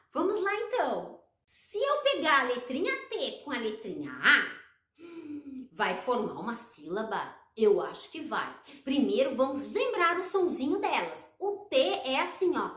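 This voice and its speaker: A Brazilian woman teaching children letter sounds, slow and encouraging, drawing out each syllable. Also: high voice, fairly bright tone, roomy sound. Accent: Brazilian Portuguese. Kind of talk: children's phonics lesson.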